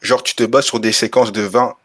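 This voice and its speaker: A man's voice: lowish voice, fairly even intonation, normal speed, a bit bright, breathy edge. A young man in a casual debate, challenging the other side and repeating his phrases.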